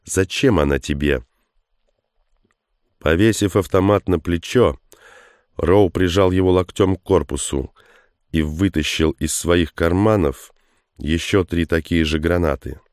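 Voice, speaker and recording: A man narrating an action story with a very deep, smooth voice. His delivery is steady and even. The recording is close and dry, with no room sound. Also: a little slow, dry recording. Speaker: audiobook narrator. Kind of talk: scripted narration.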